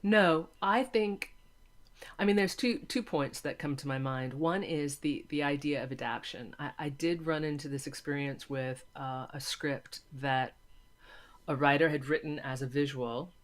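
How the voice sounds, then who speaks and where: Speaking at an ordinary pace in a deep voice, this woman is a guest on an interview and makes audio dramas. Her casual talk is emphatic and eager, and she doubles up words for emphasis.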